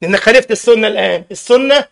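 A man with an Egyptian Arabic accent preaching a sermon in a mosque as imam, lively, full of rhetorical questions and teasing asides to the congregation. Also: high-pitched, racing, gravelly.

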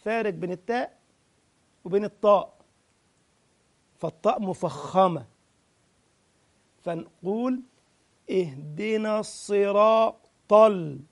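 Slow, gravelly Egyptian recitation teacher. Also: male voice, sits high. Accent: Egyptian Arabic. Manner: drawn-out recitation between quick, chatty corrections. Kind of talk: tajweed lesson with slow demonstrations.

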